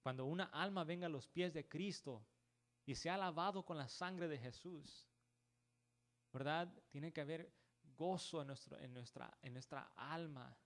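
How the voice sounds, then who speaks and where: A man with a slightly high voice preaching a church sermon. He keeps turning to the congregation with "brother" and "right?" and restarts his words often. English words slip into his preaching now and then. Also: unhurried. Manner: peppers talk with "hermano" and "¿verdad?".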